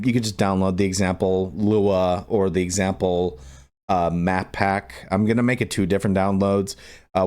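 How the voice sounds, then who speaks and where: This video tutorial host, a man with a lowish and somewhat mellow voice, walks through game modding in a casual screen recording. His talk is informal, meandering, and repetitive.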